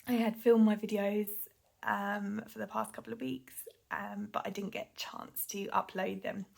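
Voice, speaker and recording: A British woman vlogging about her budget in casual chat, hoarse from a cold, a bit out of breath, apologetic and often dropping to a whisper while counting. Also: mid-range voice, steady tone, normal speed, a little mellow. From United Kingdom.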